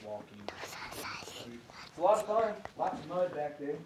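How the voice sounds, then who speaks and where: Male cave guide, folksy and explanatory, mid-pitched, speaking at a distance in an echoing cave. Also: very animated, normal speed, darkish tone. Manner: folksy, addresses listeners directly. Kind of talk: informal guided tour talk, explaining. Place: inside a large cave. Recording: echoey cave, distant mic, faint noise.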